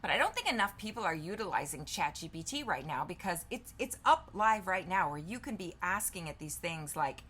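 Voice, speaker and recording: A woman in her fifties, a vlogger, chats casually to camera while demonstrating something, thinking aloud as she types and reading answers off her screen. Her voice is lowish and sing-song with a sharp tone, a little fast with hardly any pauses. A faint hiss or hum sits under the recording.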